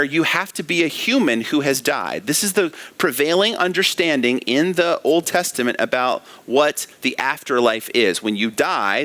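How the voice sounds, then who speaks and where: A man preaches in a church with a bright, forceful voice. His pitch swings widely as he asks rhetorical questions and stresses the scripture he reads. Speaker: pastor. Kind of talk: expository sermon.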